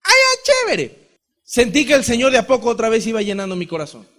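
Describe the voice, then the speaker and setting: A preacher from Ecuador delivers a heartfelt testimony sermon. His voice sits high for a man, and he talks with impassioned energy. He acts out conversations with God and his brother. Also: racing.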